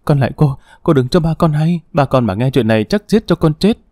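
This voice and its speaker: A man voicing a frightened young servant girl who pleads softly and tearfully. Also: on the high side, lively intonation, a little fast, no room sound, studio quality. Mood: pleading.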